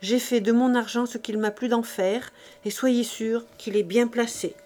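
A young woman of twenty-two, quiet, cold and unyielding, read by a woman. Her voice is rather high and mellow. Audiobook reading. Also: steady tone, unhurried, close to an everyday voice. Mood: firm. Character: young woman of 22, calm and defiant daughter.

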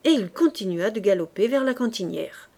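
A woman narrating a classic novel as an audiobook in a measured, even storytelling manner. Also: medium pitch, gravelly.

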